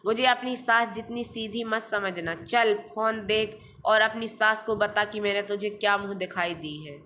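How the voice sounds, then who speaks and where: A woman's voice: mid-range voice, moderate pace, pushed and bright, slight background noise, close to an everyday voice. A woman voicing a blunt, bossy older aunt in a storybook reading, firm and outspoken. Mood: stern.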